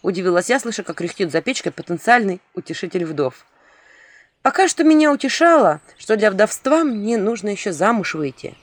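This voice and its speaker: A woman's voice: mid-range voice, sing-song, brisk. A woman narrating an audiobook in the first person, with a wry, ironic storytelling manner.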